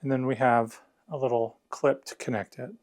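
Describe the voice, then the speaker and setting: A man's voice: mid-range voice, level tone, normal speed, darkish tone, slight background noise. A man narrating a hands-on unboxing and review in a casual, conversational, explanatory way. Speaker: product reviewer.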